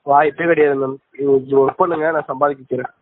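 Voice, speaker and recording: A man's voice: fairly high pitch, steady tone, fairly quick, noisy background. Curt man on a dry phone line. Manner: curt, dismissive, keeps saying remember that and madam. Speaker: scheme recruiter on a phone call. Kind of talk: phone call. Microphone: phone call recording.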